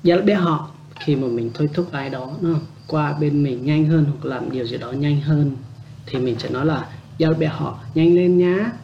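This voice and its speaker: A man giving a casual spoken language lesson, repeating example words slowly and adding chatty, joking asides. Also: medium pitch, creaky, muffled recording. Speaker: language teacher.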